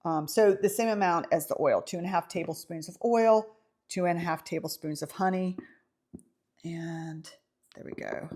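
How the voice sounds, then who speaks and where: A woman with a warm Southern lilt talks through a bread recipe in a home kitchen. She is casual and chatty, fills gaps with ums, and teases herself about small slips along the way. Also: fairly low pitch, normal speed. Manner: chatty, self-amused, many ums. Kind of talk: casual baking tutorial.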